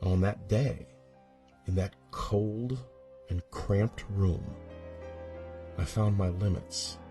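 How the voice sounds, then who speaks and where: Music plays beneath a man's low-leaning voice as he narrates a first-person horror story. He delivers it with dramatic suspense, measured and controlled, sinking to hushed tones before swelling intensely.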